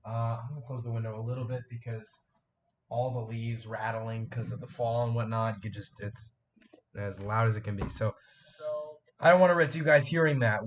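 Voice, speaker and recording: An eighteen-year-old live stream host and fan film maker chats with viewers from a room at home, rambling and repeating himself. He's hoarse and congested from a cold, his voice sits in the mid range, and there's slight background noise.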